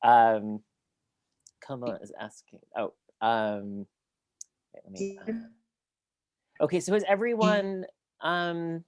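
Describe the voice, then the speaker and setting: A woman's voice: deep voice, animated, takes it slowly, pauses often, darkish tone, no room sound. A woman hosting a reading series on a video call, chatting playfully with many restarts. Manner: playful, rambling, stumbles over restarts. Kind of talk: casual chat.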